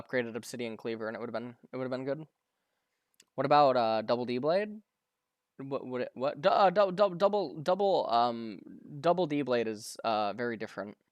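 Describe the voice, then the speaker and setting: A man's voice: medium pitch, no echo, studio quality. A man streaming live, casually commenting on a pro match, often stumbling, repeating words and answering viewers' questions.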